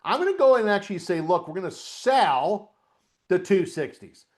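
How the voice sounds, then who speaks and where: A middle-aged man leads a live webcast lesson on options trading. His voice sits a bit high for a man, and he keeps it chatty, drifting into folksy asides while he works through the trades. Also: very animated, normal speed. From upstate New York, US. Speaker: trading coach.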